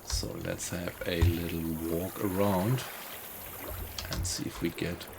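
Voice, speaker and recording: A gaming video host offers casual commentary on his gameplay, musing to himself and posing himself questions along the way. His voice sits low, with a level tone and slow delivery, over some background noise.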